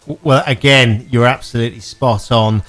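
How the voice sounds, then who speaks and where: English radio host, halting restarts. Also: male voice, mid-range voice, fairly even intonation, fairly bright tone, soft background music. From England. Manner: chatty, halting with many restarts. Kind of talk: radio interview. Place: radio station.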